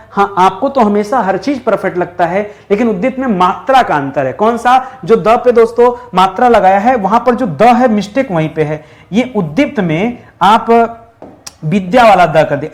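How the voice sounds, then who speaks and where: A man teaching a Hindi exam-prep lesson in a brisk, chatty way, drilling with repeated questions and answers and teasing his students. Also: high-pitched.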